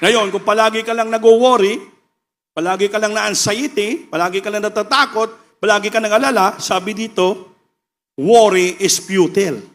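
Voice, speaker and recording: A Filipino man delivers a fervent sermon in a notably high voice. He builds to loud, driving peaks and then falls back to softer, more intimate asides, weaving English phrases into his preaching. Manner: impassioned, swings between loud preaching and quieter asides, mixes English into Tagalog.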